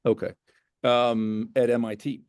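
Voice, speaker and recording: A man's voice: medium pitch, little pitch movement, measured pace, a little mellow, smooth, no room sound, clean studio sound. A man hosting a casual interview who rambles, stopping and restarting his phrases. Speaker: podcast host and editor. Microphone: remote call.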